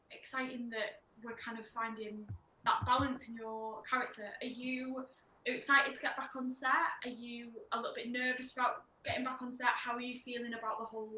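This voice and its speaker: A woman hosts a podcast interview in a casual, chatty, enthusiastic way, saying "like" a lot. Her voice is a little high and bright, with a forceful tone. The room is echoey, and there's faint background noise.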